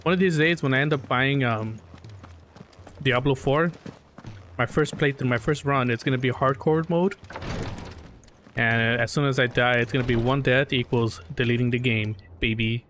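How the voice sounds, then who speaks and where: A man streaming a game, making loud, joking offhand comments. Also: mid-range voice, moderate pace, pauses often, a little hiss or hum. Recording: stream mic over game music.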